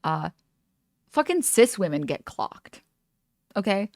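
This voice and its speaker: A woman's voice: mid-range voice, very animated, slow pace, a little mellow, dry recording, studio quality. A woman streamer giving casual reaction commentary, chatty and full of fillers, swearing freely.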